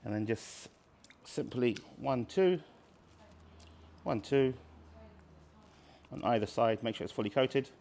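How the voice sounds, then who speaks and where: A man's voice: mid-range voice, takes it slowly, creaky, long pauses, darkish tone, a little hiss or hum. A man from Barbados, casually explaining dishes as a street-food cook in a cooking demonstration. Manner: informal, explanatory.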